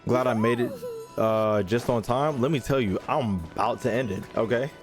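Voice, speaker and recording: With music in the background, a streamer with a mid-range voice talks at a moderate pace during a casual gaming session. He jokes around with viewers in slang-heavy exclamations, frequently repeating phrases.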